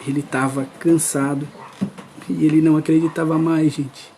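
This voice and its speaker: Male preacher, earnest testimony delivery, pitched slightly high, mellow tone. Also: flat delivery, normal speed, a little hiss or hum. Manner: earnest, addresses the crowd directly. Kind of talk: testimony sermon.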